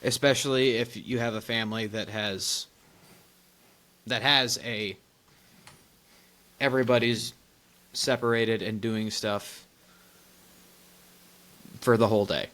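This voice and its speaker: A young man co-hosting a podcast, telling family stories in casual chat, animated and laughing often, with rambling restarts. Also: on the low side, slow, pauses often. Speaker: podcast co-host.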